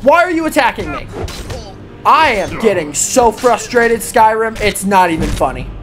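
A woman hosting a let's play, cursing and yelling in exasperation at the game's characters. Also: fairly high pitch, very animated, moderate pace, music in the background. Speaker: gaming video host.

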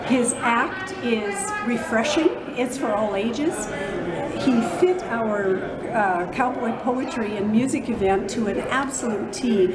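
A woman's voice: fairly high pitch, takes it slowly. An older woman giving an informal spoken testimonial. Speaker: event organizer giving testimonial. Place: indoors at event venue, against wall. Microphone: phone or camera a short distance away. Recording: echoey room with crowd chatter.

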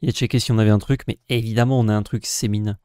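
A man co-hosting casual gameplay commentary, thinking aloud and counting out his plays in a relaxed way. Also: lowish voice, fast talker, smooth, no room sound, studio quality. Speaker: co-host playing the game.

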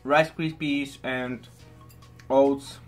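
A man's voice: medium pitch, flat delivery, drawn-out words, soft background music. A man hosting a casual cereal taste test, chewing while talking as he thinks aloud with fillers and small self-corrections. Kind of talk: casual food review.

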